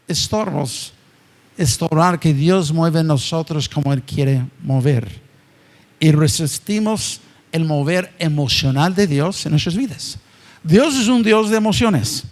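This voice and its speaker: A man preaching a sermon in a church, often asking the congregation rhetorical questions and acting out quoted voices. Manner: acts out quoted voices with sharp pitch jumps. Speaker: pastor.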